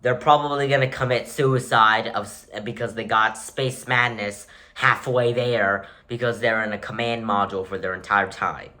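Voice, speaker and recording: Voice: mid-range voice, fairly even intonation, moderate pace, few pauses, sharp tone. A space enthusiast delivering an escalating comedic rant, sarcastic and exasperated, with dramatic emphasis on repeated words.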